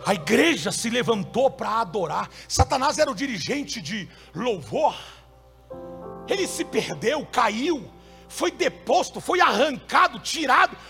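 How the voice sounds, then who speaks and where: A male pastor preaching a sermon, moving between loud shouted passages and quiet, soft storytelling. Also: extremely high pitch, very animated, unhurried, vocal fry, faint music behind.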